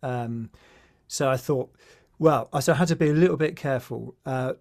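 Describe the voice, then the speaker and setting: A man's voice: medium pitch, moderate pace, a little mellow. Hesitant male podcast host. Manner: hesitant, many fillers and restarts. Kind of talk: casual interview chat.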